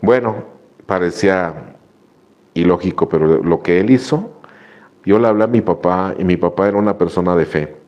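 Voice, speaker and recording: Low-voiced man giving earnest testimony. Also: normal speed, darkish tone. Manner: repetitive, earnest storytelling with many restarts. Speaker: recovery group speaker sharing testimony. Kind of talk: personal testimony. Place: radio broadcast.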